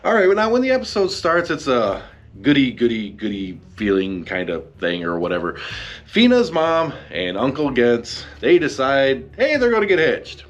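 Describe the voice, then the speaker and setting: A male host recaps an anime episode in a loose, rambling way, full of sarcasm and casual swearing. His pitch swings widely as he gets worked up and mocks the characters. Faint music plays underneath. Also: very animated, moderate pace, highs cut off. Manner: jumps in pitch for mock quotes. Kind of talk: casual solo commentary.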